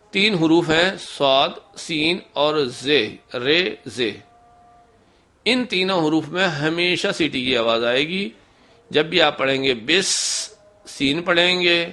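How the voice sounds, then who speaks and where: Bright-voiced man teaching recitation. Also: fairly high pitch. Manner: methodical, demonstrates letter sounds slowly. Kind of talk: instructional lesson.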